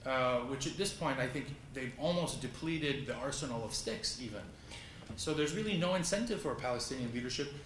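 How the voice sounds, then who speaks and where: A man's voice: on the high side, a bit bright, a little hiss or hum. A man on a conference panel making his argument, hesitant and full of fillers. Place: conference hall. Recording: echoey hall.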